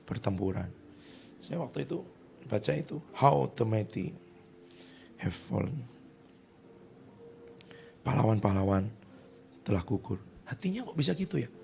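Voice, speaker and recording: A middle-aged male pastor preaching a sermon in a lively, conversational way, acting out the voices of people he quotes. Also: on the low side, normal speed, creaky, pauses often, a little hiss or hum.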